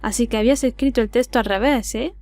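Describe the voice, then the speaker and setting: A woman with an Andalusian accent voicing an excitable, absent-minded older professor in an audiobook, with abrupt exclamations. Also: on the high side, fast, no echo, lightly acted. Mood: triumphant.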